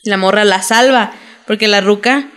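A young adult woman with a Mexican Spanish accent, recapping a TV drama in casual, slangy, animated chat as a podcast co-host. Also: medium pitch, moderate pace. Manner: slangy, animated storytelling with quoted voices.

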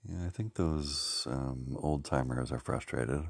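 A man musing slowly and haltingly, searching for words with many pauses and fillers. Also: very deep voice, creaky, dry recording. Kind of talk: rambling reflective talk.

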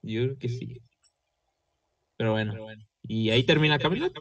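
A man's voice: mid-range voice, lively intonation, moderate pace, a bit bright. A man chiming in with brief, joking reactions as a podcast co-host. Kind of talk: casual chat. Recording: distant, dull lo-fi mic.

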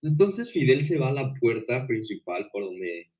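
A man's voice: mid-range voice, very animated, a little slow, darkish tone. A young man with a Mexican accent in casual chat, eagerly jumping in to tell his side of the story. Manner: eager, jumps in, laughs often.

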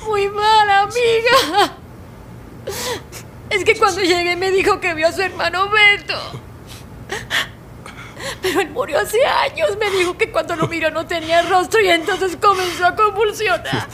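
A woman's voice: very high-pitched, slow, a bit bright, a little hiss or hum, heavily acted. A woman voicing a distraught friend who sobs and pleads. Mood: sobbing. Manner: sobbing, pleading, crying out.

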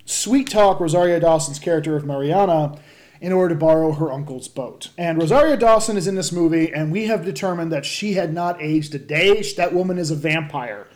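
A woman's voice: deep voice, fairly quick, a little mellow. A woman hosting a casual movie review podcast, recapping the plot with lots of fillers, self-corrections and frequent laughs. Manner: laughs often. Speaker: podcast host.

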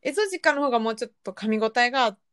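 A woman's voice: fairly high pitch, animated, racing, a bit bright, no echo. Woman, Kansai accent, young adult, easygoing, laughs often, dry close mic. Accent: Kansai Japanese. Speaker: podcast co-host. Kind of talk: casual chat.

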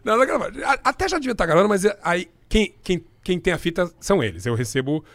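A middle-aged Brazilian journalist tells anecdotes in conversation, his voice high-pitched and his pace quick. He's animated and laughs often, acting out the voices of the people he quotes. The recording has no echo.

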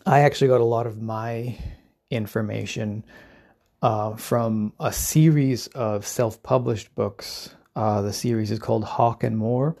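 A man talks as a solo podcast host, explaining in an informal lecturing way. His voice sits fairly low, with plenty of fry and a dark, relaxed tone. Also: measured pace.

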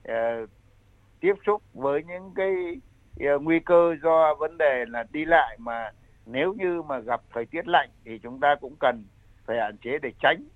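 An older man explains public health advice as an expert guest, in halting, repetitive phrasing. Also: on the high side, animated, dry recording. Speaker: medical expert guest, senior health adviser. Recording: thin phone-like line.

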